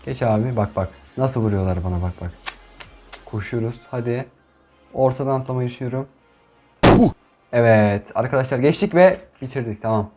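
A young man commenting on his gameplay in a casual, chatty way, who gets frustrated and shouts at opponents. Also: medium pitch, fairly quick, pauses often, background noise. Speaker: gaming YouTuber.

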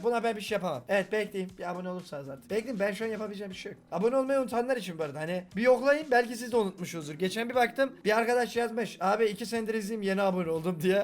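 Excitable fast-talking man gaming. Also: high voice. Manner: excitable, joking, talks to viewers. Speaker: gaming YouTuber. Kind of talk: Minecraft gameplay commentary.

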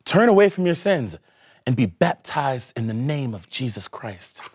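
A man playing the apostle Peter in a comic church skit, preaching in a husky, emphatic way. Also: medium pitch, big pitch swings, normal speed, darkish tone. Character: apostle Peter, bold adult male preacher.

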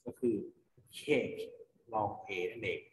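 A man's voice: fairly low pitch, slow pace. A male teacher with a Thai accent giving an online phonics lesson to children, patiently spelling words letter by letter and answering his own questions. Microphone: computer mic for online class. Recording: echoey, reverberant room.

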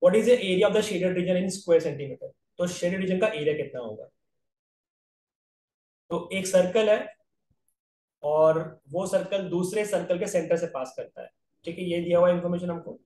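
Man with an Indian accent, math teacher, higher voice, a bit far from the mic. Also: unhurried, mellow, roomy sound. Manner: explains step by step, checks in with "right?". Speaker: aptitude exam math teacher. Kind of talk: online math lecture.

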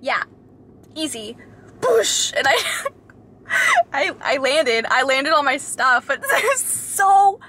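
A young woman talks casually from inside a parked car, her voice high and bright. She is bubbly and excitable, breaking into squeals now and then. Faint background noise sits under her. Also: slow pace. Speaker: vlogger reacting to a show. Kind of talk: casual reaction chat. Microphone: camera mounted facing her.

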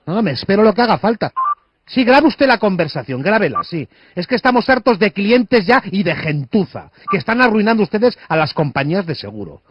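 A man's voice: fairly high pitch, expressive, quick pace, no echo, highs cut off. A man with an accent from Spain playing a rude, condescending insurance adjuster in a prank call over a landline phone, interrupting and accusing. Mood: indignant, insulting. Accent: Spanish (Spain). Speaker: radio prankster.

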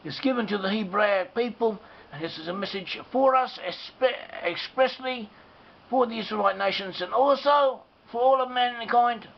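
Halting high-voiced man lecturing. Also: creaky. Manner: halting, repetitive, spells out letters slowly. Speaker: religious teacher. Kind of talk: unscripted explanatory lecture. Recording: dull lo-fi recording with faint hiss.

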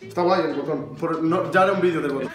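A young man hosts a comic video, joking and hamming. His voice sits high. He sounds a little away from the mic in an echoey room, with music playing behind him. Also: fast talker, far from the mic. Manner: jokey, hammy, switching into put-on accents. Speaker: YouTuber host. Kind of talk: comic accent challenge with his father.

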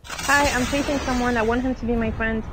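High-pitched, teasing young woman gamer. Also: fairly even intonation, a little fast. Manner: giggly, teasing, sing-song. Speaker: streamer's girlfriend, teammate. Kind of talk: casual gameplay chat. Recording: noticeable background noise.

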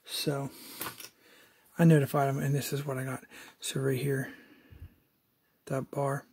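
A man's voice: medium pitch, completely flat delivery, measured pace, darkish tone, breathy edge. A man casually narrating an unboxing of a collectible figure, explaining each step with fillers as he goes. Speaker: toy collector reviewer.

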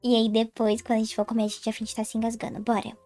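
A woman's voice: fairly high pitch, monotone, racing, dark tone, soft background music, lightly acted. A young woman voicing a mischievous twin girl in a Roblox roleplay story, playful and giggly, with exaggerated fake panic. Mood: scheming.

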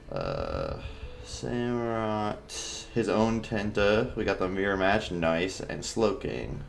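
Lowish voiced dude doing chill rambly game commentary w a swollen lip, kinda halting, music in the bg. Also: male voice. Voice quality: slightly impeded speech from swollen lips and mouth sores. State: sore, swollen mouth. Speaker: gamer commentating an online battle.

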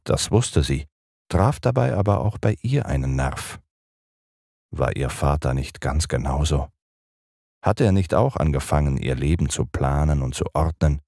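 Deep expressive male storyteller. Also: no echo, clean studio sound. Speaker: audiobook narrator. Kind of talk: storybook narration.

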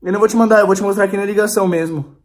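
A man's voice: high voice, steady tone, racing. A young man pleading on a prank phone call, anxious and slangy. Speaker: vlogger pranking his girlfriend.

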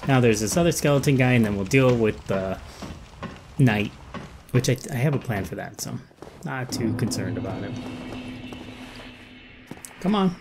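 A man's voice: medium pitch, moderate pace, noisy background. A man giving casual gameplay commentary, muttering short remarks to himself as he plays. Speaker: gamer recording a playthrough.

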